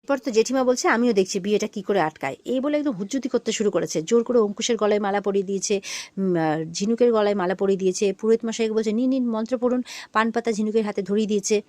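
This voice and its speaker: A woman's voice: mid-range voice, very fast, mellow, no room sound. A woman casually retelling a TV serial episode, quoting the characters' lines and filling in with "mane" and "iye". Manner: retells scenes quoting characters, frequent fillers. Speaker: serial recap narrator. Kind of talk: casual storytelling recap.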